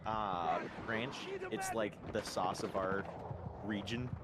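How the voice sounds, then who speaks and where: A man's voice: lowish voice, takes it slowly, very noisy. A man from the American Midwest chatting casually while gaming, rambling and swearing now and then. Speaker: podcast host and gamer. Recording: loud game gunfire behind. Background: game gunfire and explosions.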